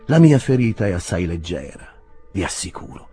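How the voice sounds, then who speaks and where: A man playing a wounded, lovesick gentleman from an old storybook, soft and sighing. His tender voice sits low and drifts toward a murmur. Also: sing-song, moderate pace, breathy edge, exaggerated voice.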